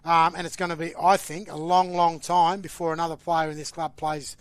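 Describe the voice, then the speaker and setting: A man's voice: fairly high pitch, level tone, brisk, clear, resonant tone, no room sound. An Australian man hosting a casual sports podcast, announcing news with upbeat emphasis. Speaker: podcast host.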